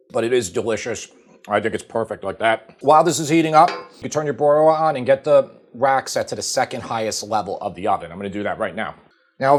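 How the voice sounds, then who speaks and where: A middle-aged man with a Long Island accent, showing a recipe in his home kitchen in a relaxed, chatty way full of fillers. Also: mid-range voice, a little hiss or hum. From Long Island, New York. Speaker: cooking show host. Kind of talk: casual cooking demonstration.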